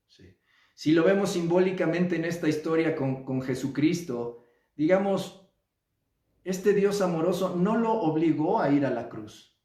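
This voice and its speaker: Mexican male therapist, slightly high voice, heard from a distance in a roomy, echoey space. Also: darkish tone. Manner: measured, repeats phrases, checks in with listeners. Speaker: psychotherapist. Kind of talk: reflective live talk. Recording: roomy echo, distant mic.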